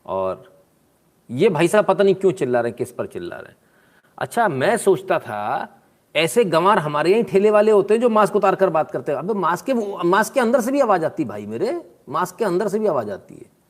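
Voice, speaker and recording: A man's voice: sits high, sing-song, a little fast. Sarcastic man doing casual commentary. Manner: sarcastic, mocking asides; clears throat often. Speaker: political commentator.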